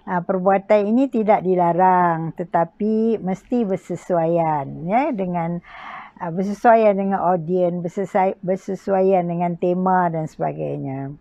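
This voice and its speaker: A woman with a Malaysian accent teaching poetry recitation in an informal lecture, halting often and adding little checking tags. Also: on the low side, dark tone, dry recording, lo-fi sound. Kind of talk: informal spoken lecture with examples.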